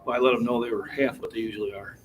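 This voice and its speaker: A chatty man in his sixties talks to his live chat from a gym floor, a bit winded between sets. His mid-pitched voice comes from a camera set back from him, with a faint hum of the room behind. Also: steady tone, rapid-fire. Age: 60s. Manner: chatty, talks while catching his breath. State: slightly out of breath. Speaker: fitness livestream host. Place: gym, indoors. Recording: distant mic with faint room noise.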